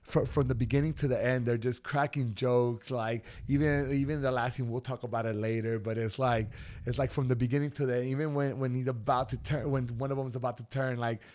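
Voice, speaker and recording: A man in casual podcast chat, rambling through his points with plenty of fillers and restarts. His pitch sits in an ordinary middle range. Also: fairly even intonation, fairly quick, darkish tone. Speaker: podcast co-host.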